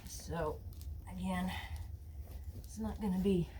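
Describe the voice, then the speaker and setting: A car DIY vlogger chats her way through detailing her car outdoors, rambling and dropping plenty of fillers. Her voice sits on the low side and sounds warm, with fairly even intonation and a slow pace. There's a little hiss or hum in the recording.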